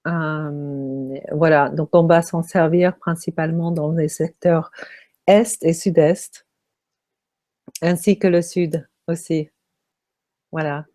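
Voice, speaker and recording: A hoarse woman speaks in a low, mellow voice as a feng shui consultant fielding interview questions. She talks very slowly and halts often, filling pauses as she searches for words. Her strained voice never quite clears. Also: steady tone. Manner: halting, many pauses and fillers.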